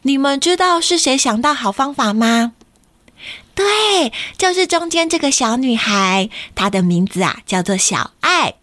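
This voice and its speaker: A woman's voice: high-pitched, expressive, moderate pace, few pauses, fairly bright tone, no room sound. A woman storyteller reading a picture book to young children, guiding them with frequent questions. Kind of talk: interactive picture-book read-aloud for children.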